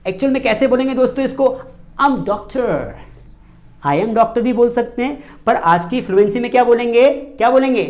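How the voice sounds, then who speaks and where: A man's voice: very high voice, fast talker, few pauses, a little mellow. A man teaching spoken English in Hindi as a classroom video lesson. He asks and answers his own questions and repeats the key words.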